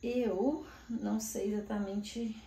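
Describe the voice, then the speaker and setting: A woman's voice: mid-range voice, fairly even intonation, slow pace, gravelly, dark tone, slight background noise. Chatty Brazilian-born woman vlogging. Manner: chatty, thinking aloud with fillers like "né". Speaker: career mentor vlogger. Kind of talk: casual vlog talk to camera. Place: home room in Australia. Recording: echoey room.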